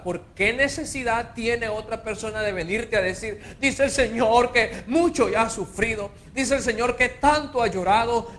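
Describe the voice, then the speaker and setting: High-voiced man preaching with passion. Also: a bit bright, a little hiss or hum. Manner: impassioned, mocks quoted people in a whiny high voice. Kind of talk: informal sermon.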